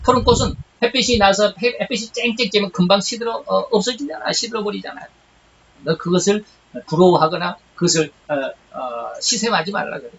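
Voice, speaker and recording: High-voiced man teaching doctrine, chatty. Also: vocal fry, fairly bright tone. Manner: chatty, halting, with frequent fillers and self-corrections. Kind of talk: conversational doctrine lecture. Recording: dull lo-fi recording with faint hiss.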